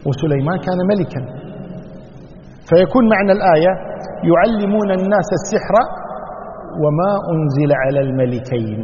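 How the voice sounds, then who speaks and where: Male scholar with a high voice, teaching a religious lesson, methodical and repetitive, dull lo-fi recording in a reverberant hall. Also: darkish tone. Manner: explanatory, repeats and weighs readings of a verse. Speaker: Islamic scholar giving Quran commentary. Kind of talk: religious lesson to a live audience.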